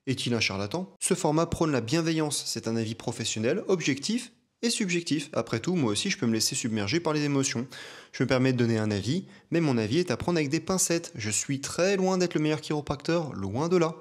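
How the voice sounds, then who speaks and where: A man's voice: a little high, expressive, fairly quick. A young adult man, a chiropractor, giving casual reaction commentary on a video, chatty and hesitant with fillers.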